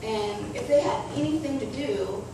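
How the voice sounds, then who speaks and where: In an echoing school hall, with a far-off mic and constant background noise making everything boomy, a woman talks to children about choices from her own life. Her voice is raspy and a little high, and she speaks earnestly, slowly, and with care.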